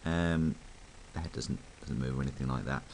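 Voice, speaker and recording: In a toy review recorded with poor audio and a faint background hiss, a man speaks at a moderate pace in a very low voice made gravelly and croaky by hay fever. He handles the piece while chatting casually, pausing often for ums and little side comments.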